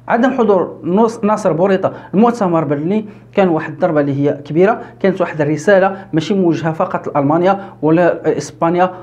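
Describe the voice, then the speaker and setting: A man with a Moroccan Arabic accent giving casual political commentary as a channel host, animated, with frequent fillers and self-corrections. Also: high voice. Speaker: YouTube news commentator.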